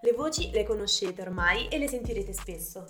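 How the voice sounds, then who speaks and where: A woman's voice: medium pitch, expressive, normal speed. A young woman with a Neapolitan accent co-hosting a student radio show in a scripted presenting style. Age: young adult. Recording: roomy echo, music behind.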